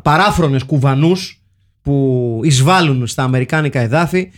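A man in his forties, co-hosting a casual film chat, joking in a dry way and stretching out his hesitations. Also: mid-range voice. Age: 40s. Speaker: podcast co-host.

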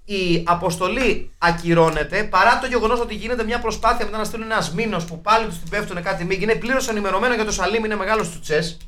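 Male podcast co-host, high voice, wry joking delivery, faint clicks behind. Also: few pauses, sharp tone, a little hiss or hum. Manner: wry, joking, talks in bursts. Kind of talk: casual film chat.

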